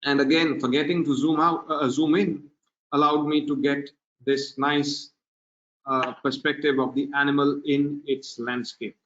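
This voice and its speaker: A man presenting a wildlife photography webinar, talking in a relaxed, unhurried way with many filler pauses over a video call. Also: on the high side. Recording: dull lo-fi webinar audio.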